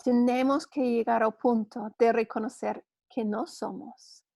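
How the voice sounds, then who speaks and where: A woman's voice: a little high, fairly even intonation, a little slow, vocal fry, dark tone, no echo, studio quality. A woman teaching a church women's class, earnest and telling a story with small restarts.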